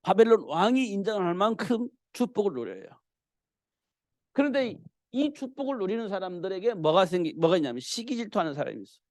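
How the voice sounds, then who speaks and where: A male pastor preaching a sermon in a church, telling the story with animated delivery. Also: high-pitched, fairly quick, dry recording, clean studio sound. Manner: animated storytelling, acting out the king's cries.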